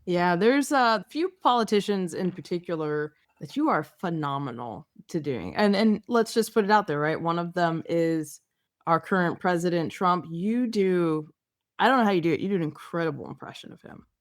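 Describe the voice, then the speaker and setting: A woman's voice: on the low side, expressive, normal speed, dry recording, studio quality. Enthusiastic woman podcast host. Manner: enthusiastic, curious. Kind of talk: interview questions.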